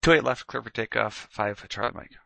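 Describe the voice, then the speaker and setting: A man's voice: medium pitch, brisk, gravelly, pushed and bright, dry recording. A man working as a pilot, making procedural radio calls and readbacks.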